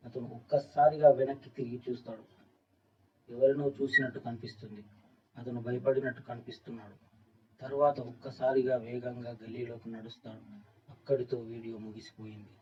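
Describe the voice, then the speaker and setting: A man reading a scripted horror story as narrator, with an even, flat delivery. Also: medium pitch, slight background noise. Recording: dull, distant-sounding recording.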